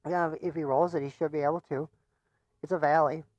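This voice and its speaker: A man's voice: fairly high pitch, steady tone, a little fast, darkish tone, muffled recording. A man giving casual live commentary on a pool match. He chats, laughs often, and stumbles over repeated words.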